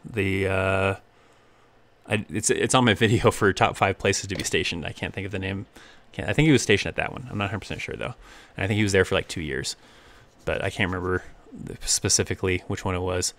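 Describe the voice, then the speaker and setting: A man's voice: sits low, a little fast, a bit bright. A young man hosting a casual live-stream Q&A, reading viewer questions aloud and rambling through answers with easy laughs.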